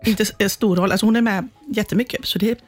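A woman's voice: mid-range voice, faint music behind. A woman in her forties, a guest singer on a chat show, playful and teasing. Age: 40s. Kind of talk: casual chat.

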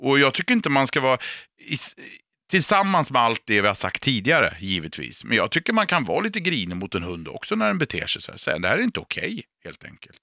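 A man's voice: mid-range voice, sing-song, sharp tone, no echo, studio quality. A man hosting a casual chat, asking questions and passing on questions from listeners. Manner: inquisitive, relays listener questions. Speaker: podcast host.

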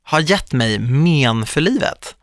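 A man in his thirties, hosting a podcast, telling a personal story in a lively way and acting out the people in it. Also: fairly high pitch, no echo, studio quality. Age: 30s. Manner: animated storytelling, quotes others vividly. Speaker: podcast host. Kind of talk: casual podcast chat.

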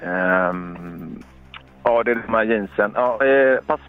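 A man's voice: on the low side, phone-quality sound, soft background music. A man from Sweden calling in as a quiz contestant, tired and hesitant. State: tired morning voice.

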